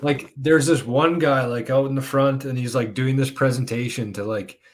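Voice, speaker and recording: A man's voice: medium pitch, fairly even intonation, moderate pace. Rambling casual male podcast co-host. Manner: rambling, swears, many "like" fillers. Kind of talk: casual chat.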